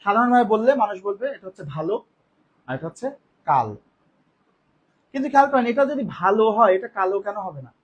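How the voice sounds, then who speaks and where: A man teaching a spelling lesson for exam preparation, explaining patiently and repeating example sentences slowly. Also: sits high, lively intonation, husky, lo-fi sound. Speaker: grammar teacher.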